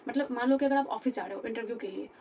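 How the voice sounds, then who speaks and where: A woman's voice: a little high, racing, mellow, recorded from a distance, lo-fi sound, slight background noise. A woman teaching a lecture class, explaining patiently, repeating terms and checking in with her students.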